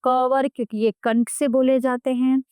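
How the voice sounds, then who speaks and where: A woman's voice: high-pitched, little pitch movement, a little mellow, clear, resonant tone, no room sound, clean studio sound. A woman teaching a children's grammar lesson, spelling out letters and examples one by one and often checking in with her listeners. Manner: slow, deliberate, checks in with "ठीक है?". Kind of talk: classroom lesson explaining a video book.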